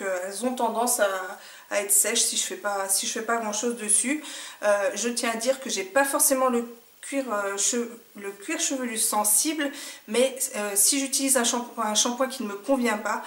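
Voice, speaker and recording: A woman's voice: mid-range voice, a bit bright. A woman giving a casual product review, chatty and full of hesitations. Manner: chatty, many hesitations and fillers. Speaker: beauty vlogger reviewing a shampoo. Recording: echoey room, mic at a distance.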